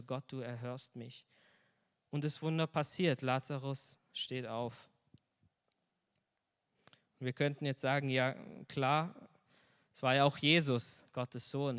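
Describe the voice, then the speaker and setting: Earnest male preacher with a long hall reverb. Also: medium pitch. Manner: earnest, personal testimony, asks the congregation questions. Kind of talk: sermon.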